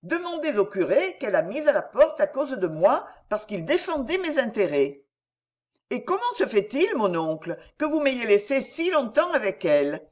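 A woman's voice: very animated, moderate pace. A woman reading an audiobook, voicing an outspoken, cheeky young girl with a raised, pert tone. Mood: indignant. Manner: pert and forthright, higher and brighter than the narration. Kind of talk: audiobook character dialogue.

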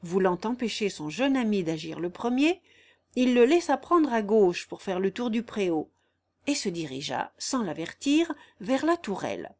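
A woman's voice: mid-range voice, big pitch swings, moderate pace, darkish tone. Woman narrating an audiobook dramatically.

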